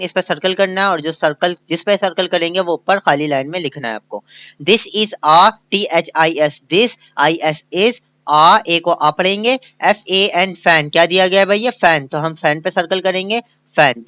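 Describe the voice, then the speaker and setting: A male kindergarten teacher, walking through a worksheet, spelling each English word letter by letter and translating it, slowing down to model sentences. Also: sits high, bright, forceful tone, clean tone, dry recording. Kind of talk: recorded worksheet lesson.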